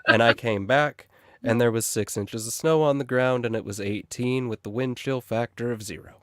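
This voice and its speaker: A man from South Dakota hosting a casual podcast chat, joking and relaxed. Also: mid-range voice, moderate pace, no room sound, studio quality. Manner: relaxed, joking, drops to quiet asides. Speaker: host.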